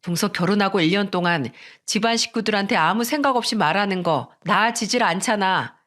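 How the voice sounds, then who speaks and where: Firm elder sister-in-law, lecturing, indignant edge, read by a woman, mid-pitched voice. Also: brisk, a bit bright, lightly acted.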